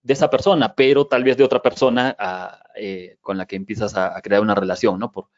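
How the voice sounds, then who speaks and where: A man interviewing a guest, framing long questions with many pauses and restarts. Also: lowish voice, steady tone, no room sound. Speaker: podcast interviewer. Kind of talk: conversational interview. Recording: dry, dull lo-fi sound.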